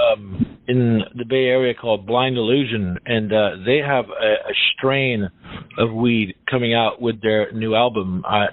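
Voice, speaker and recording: A man's voice: mid-range voice, dry recording. A man hosting a radio interview who asks plain, easygoing questions with frequent "uh" fillers. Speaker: radio show host. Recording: tinny phone-like line with faint hiss.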